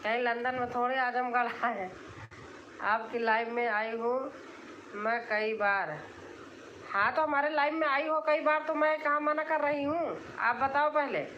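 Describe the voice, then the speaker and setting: A woman's voice: sits high, a little slow, fairly bright tone, reverberant, dull audio, a little hiss or hum. A woman from Allahabad, hosting a casual live stream and answering comments in an insistent, repetitive way, explaining herself. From Allahabad, India.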